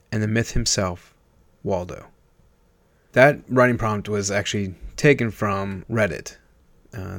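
A man hosting a podcast, chatting casually before reading a story aloud in a relaxed way. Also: on the low side, dry recording. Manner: relaxed, chatty, with fillers and restarts. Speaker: podcast host and reader.

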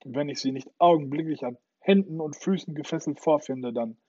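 Male narrator doing an angry, threatening pirate captain; loud and husky, lo-fi sound. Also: on the high side, moderate pace, no echo. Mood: raging. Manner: roaring, threatening. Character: snarling, hot-tempered pirate captain, adult man. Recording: dull lo-fi recording.

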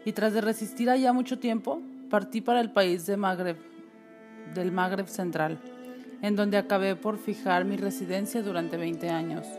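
A woman's voice: mid-range voice, steady tone, moderate pace, music in the background, lightly acted. A woman reading as a scheming sorcerer uncle. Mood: grandly pleading. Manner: theatrical wailing lament. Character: scheming middle-aged sorcerer posing as uncle.

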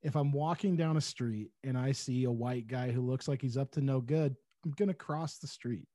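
A man's voice: mid-range voice, normal speed, warm tone, dry recording. A man joining a podcast as a guest, chatting casually with wry humor. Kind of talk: casual political chat.

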